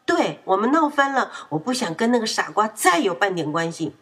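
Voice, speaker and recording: A woman's voice: medium pitch, a little fast, breathy edge. A woman voicing a proud, quarrelsome young boy in a children's story, raising her voice when he gets upset. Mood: angry. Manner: excitable, shouts when upset.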